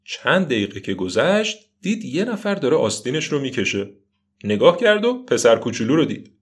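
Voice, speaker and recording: A man's voice: medium pitch, sing-song, slightly rough. A man narrating a children's story expressively, with asides to the listeners.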